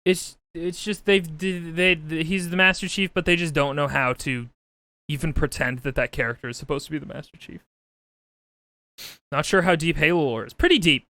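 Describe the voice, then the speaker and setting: Wry streamer guy, slightly high voice. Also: moderate pace, pushed and bright, no room sound. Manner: rambling, sweary, wry. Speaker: game streamer. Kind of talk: casual game commentary and chat. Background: game music.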